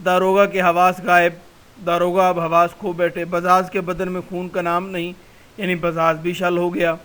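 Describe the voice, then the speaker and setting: A man's voice: sits high, a bit bright, clear, resonant tone, low-quality recording. A man, a college lecturer, reading a passage aloud in a recorded class and explaining it word by word.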